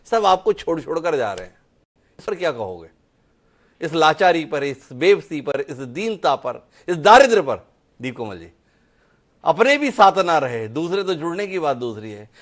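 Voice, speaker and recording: A man anchoring a televised political debate, firing pointed, rhetorical questions at his guests. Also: on the high side.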